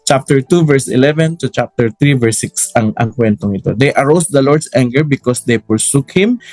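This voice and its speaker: Animated male Bible study preacher. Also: mid-range voice, moderate pace, dry recording, soft background music. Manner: animated storytelling, challenges listeners with questions.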